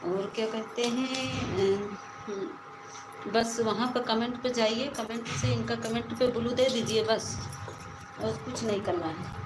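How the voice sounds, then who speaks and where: A woman's voice: a little high, slow pace, music in the background. A woman hosting a casual live stream from a rooftop, chatting with viewers and repeating her advice to them. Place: rooftop, outdoors. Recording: echoey with background noise.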